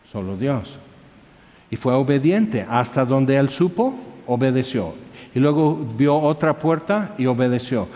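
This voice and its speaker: A man's voice: on the high side, darkish tone. A man preaching a sermon, telling stories in a conversational way and asking the congregation questions. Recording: dull sound with long hall reverb.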